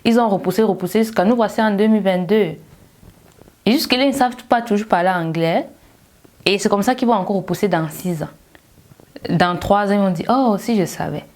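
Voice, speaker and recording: A woman's voice: mid-range voice, a little fast, long pauses, darkish tone. A woman coaching language learners in an emphatic, direct motivational talk, firing rhetorical questions straight at the listener.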